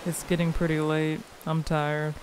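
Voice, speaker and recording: Comedy skit socialite sister woman acting: utterly monotone, bored, cutting, over faint background noise. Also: sits low, measured pace, poor audio. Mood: bored disdain. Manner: deadpan, flat, dismissive.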